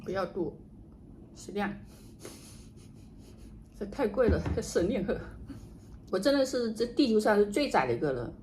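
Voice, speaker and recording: A woman chatting casually to camera while she eats and drinks, musing in an unhurried way with murmured asides. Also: medium pitch, sing-song, darkish tone. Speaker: vlogger doing an eating and drinking livestream. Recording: noticeable background noise, home ambience.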